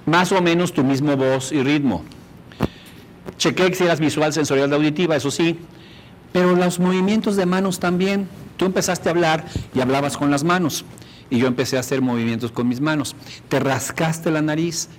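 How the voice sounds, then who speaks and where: A man's voice: on the high side, a little hiss or hum, low-quality recording. A man teaching a workshop on rapport, demonstrating and often asking the audience questions. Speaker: instructor.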